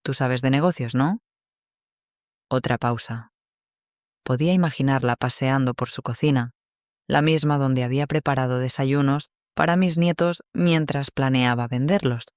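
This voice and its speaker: A man reading a first-person story as scripted narration, steady and measured. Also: mid-range voice, smooth, dry recording, clean studio sound.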